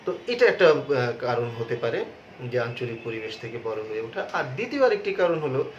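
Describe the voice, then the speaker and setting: A male professor giving a recorded pronunciation lesson, explaining slowly with many filler sounds and rhetorical questions. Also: mid-range voice, very animated. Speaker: assistant professor of Bengali. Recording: muffled echoey room recording with faint hiss.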